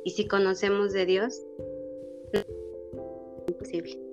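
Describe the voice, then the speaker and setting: A woman with a Mexican accent, a single mother speaking as a guest in an interview, telling her stories in a lively, heartfelt way. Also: medium pitch, a little slow. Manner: warm, lively storytelling with laughter. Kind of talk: emotional storytelling interview. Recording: dull lo-fi audio with music behind.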